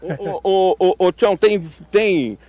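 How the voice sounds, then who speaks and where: Bantering high-voiced male fair reporter. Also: mellow. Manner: bantering, teasing, quick questions. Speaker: field reporter and host. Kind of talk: joking live fair coverage. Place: outdoors at a farm fair.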